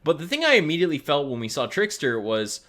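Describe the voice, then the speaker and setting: Man, podcast co-host, animated, bright tone, excitable, casual gaming chat. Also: fast talker. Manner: excitable, jumps into high-pitched exclamations.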